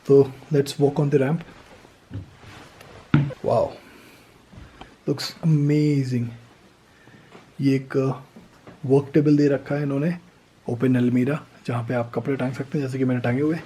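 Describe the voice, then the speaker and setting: A young man, a travel vlogger, excitedly showing off a homestay room at night and slipping English phrases into his talk. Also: medium pitch, slow, long pauses, slight background noise, low-quality recording. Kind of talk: casual vlog walkthrough.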